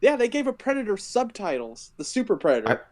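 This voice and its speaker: Excitable, lively-voiced podcast guy. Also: sits high, a little fast. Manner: excitable, jokey, breaks into laughter. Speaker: podcast co-host. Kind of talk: casual podcast chat.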